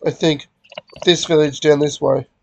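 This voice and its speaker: Young man, fairly high voice, casual game chat, rambling, self-correcting. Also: little pitch movement, moderate pace, creaky, highs cut off. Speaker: host of a game channel.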